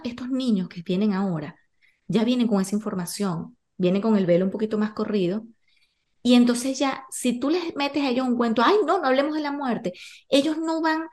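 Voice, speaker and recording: Podcast guest: woman, higher-pitched, earnest and explanatory. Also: darkish tone. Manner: earnest, explanatory, talks to the listener directly. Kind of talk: casual spiritual conversation.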